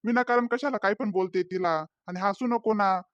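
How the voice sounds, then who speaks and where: A man voicing a patient father in a cartoon, soothing his daughter and trying to calm his quarreling family. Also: high-pitched, normal speed, no room sound, muffled recording. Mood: placating. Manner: soothing, placating. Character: patient, placating young father. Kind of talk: cartoon voice acting.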